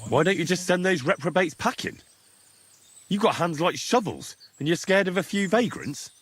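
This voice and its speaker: Cheeky husky young adventurer. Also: male voice, high-pitched, sing-song, normal speed, a bit bright, no echo, heavily acted. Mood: teasing, curious. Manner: teasing, questioning. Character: cheeky young medieval adventurer, nosy and blunt. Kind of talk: video game character dialogue.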